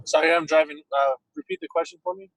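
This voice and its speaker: A man's voice: on the high side, fairly even intonation, quick pace, creaky, a bit bright. A man, a student in an online class, answering briefly over a car speakerphone while he drives. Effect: distant car speakerphone while driving.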